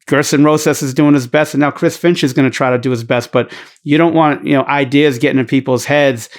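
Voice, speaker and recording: A man's voice: medium pitch, steady tone, a little fast. A man with a Boston accent, a podcast guest talking bluntly and emphatically, with some swearing and plenty of restarts. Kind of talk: casual podcast chat.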